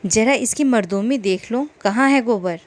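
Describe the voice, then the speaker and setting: A woman's voice: fairly high pitch, normal speed, lightly acted. A woman narrator voicing a fierce, defiant village wife who scolds sharply. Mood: bitter.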